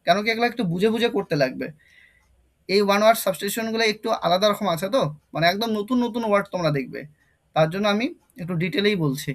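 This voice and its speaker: A man's voice: sits high, animated, quick pace. A young man with a Bengali accent teaching an online exam-prep English lesson, repeating key terms and quizzing his students.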